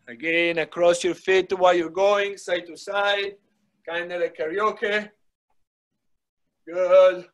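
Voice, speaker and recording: High-voiced man coaching a slow-paced workout. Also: fairly bright tone. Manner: short repeated commands and encouragement. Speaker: soccer fitness coach. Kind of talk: live workout instruction. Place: small wood-panelled indoor room. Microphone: device mic a few metres away.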